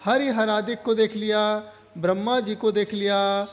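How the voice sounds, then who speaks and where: High voiced guy teaching verses slowly, keeps asking the class stuff, long echo. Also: little pitch movement. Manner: slow, asks questions and repeats answers. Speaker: religious teacher.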